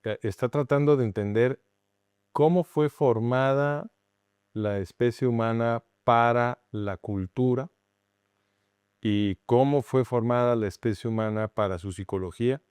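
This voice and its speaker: In a smooth, mid-range voice with a darkish tone, a middle-aged Mexican man talks as a guest anthropologist in an interview. His Mexican Spanish accent comes through as he explains things patiently and measuredly, frequently starting sentences over while he thinks. The sound is studio quality with no echo.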